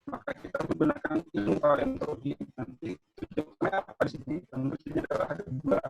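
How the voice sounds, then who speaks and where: A man's voice: very high voice, wildly swooping pitch, quick pace, creaky, background noise. A man giving an online university lecture in an explanatory way, often checking in with his listeners, over a bad connection where his voice keeps breaking up. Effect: choppy, breaking-up video call audio. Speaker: geology lecturer. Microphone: video call. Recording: dull lo-fi call audio.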